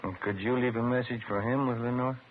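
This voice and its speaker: An actor playing a polite, plain-spoken robbery detective in an old-time radio crime drama, brisk and matter-of-fact. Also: male voice, mid-range voice, steady tone, lightly acted. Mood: polite, firm. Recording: muffled, faintly noisy old radio recording.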